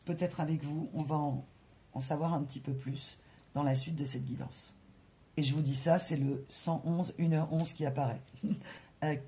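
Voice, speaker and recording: A French-speaking card reader giving a spiritual guidance reading, talking slowly with many hesitations and asides to spirit guides. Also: medium pitch, mellow. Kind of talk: tarot-style guidance reading to camera.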